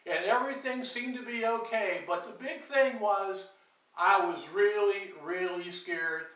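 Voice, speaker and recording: An older man, a grandfather, telling his grandchildren an animated story with dramatic sound effects. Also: high-pitched, unhurried, recorded from a distance. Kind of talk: family storytelling. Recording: echoey room, off-mic.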